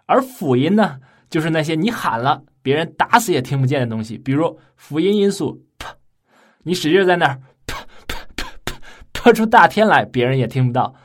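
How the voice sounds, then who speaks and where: A man teaching English pronunciation in a recorded online lesson. He explains in a playful, colloquial way and slows down to exaggerate his English examples. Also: on the high side, very animated.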